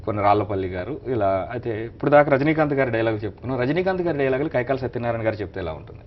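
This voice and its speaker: A man's voice: mid-range voice, expressive, rapid-fire, lo-fi sound. A man, a mimicry artist, answering politely as a studio interview guest. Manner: polite, deferential replies.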